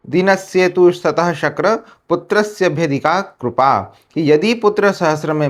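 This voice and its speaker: An Indian man teaching a Sanskrit textbook lesson, reading each line and then restating it slowly several ways in Hindi. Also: on the high side.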